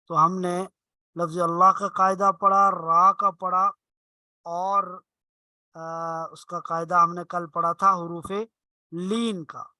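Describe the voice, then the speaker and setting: A man teaches an online Arabic class, patiently laying out the rules step by step and drawing out his example words slowly. His voice is high-pitched and bright with a forceful tone, and the recording is dry.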